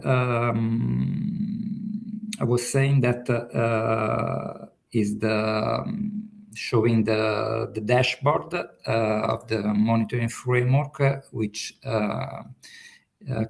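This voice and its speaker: A man presenting slides over a video call, speaking haltingly with many filler sounds. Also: medium pitch, gravelly. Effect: remote voice on a video call. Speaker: workshop presenter.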